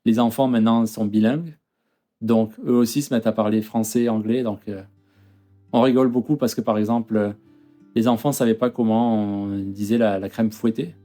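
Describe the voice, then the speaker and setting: French guy in his 30s, guest on an interview, lots of euh and restarts, mellow low tone. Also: fairly even intonation, brisk, soft background music. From France. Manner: hesitant, many fillers and restarts. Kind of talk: casual interview chat.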